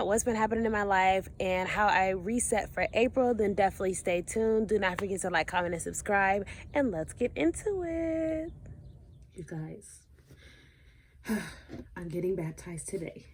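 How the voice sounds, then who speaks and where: A woman's voice: medium pitch, darkish tone, a little hiss or hum. A woman in her twenties talking casually and earnestly to her vlog audience, emotional and rambling with fillers. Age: 20s. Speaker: vlogger. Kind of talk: casual vlog talk to camera.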